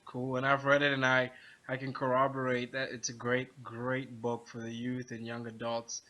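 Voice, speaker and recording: Bright, upbeat male host. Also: medium pitch, monotone, moderate pace. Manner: upbeat, laughs often. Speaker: interview host. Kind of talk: casual interview.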